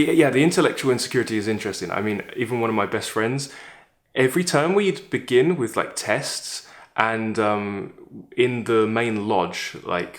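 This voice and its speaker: A man with a slightly low voice and a softened Essex accent from England. He talks casually and with strong opinions, like someone chatting to an online audience. His manner is blunt and sweary. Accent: English, softened Essex. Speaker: vlogger, former Oxford student.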